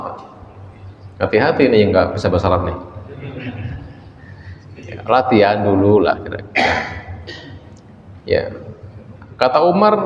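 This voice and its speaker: A man's voice: medium pitch, a little hiss or hum. A male preacher gives a folksy, conversational mosque lecture, speaking to his listeners directly and slipping in words. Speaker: preacher teaching a religious study circle. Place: mosque hall. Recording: echoey dull mosque hall recording.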